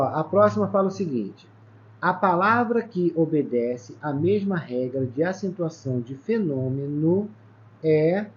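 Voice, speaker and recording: A Brazilian teacher explains grammar step by step, counting letters aloud and checking in with short "tá?" and "ó" asides. His voice sits fairly high for a man. The recording is a bit dull, with a faint hiss underneath. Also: a little mellow. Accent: Brazilian Portuguese. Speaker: Portuguese teacher. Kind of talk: exam-prep lesson at a whiteboard. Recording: slightly dull sound with faint background noise.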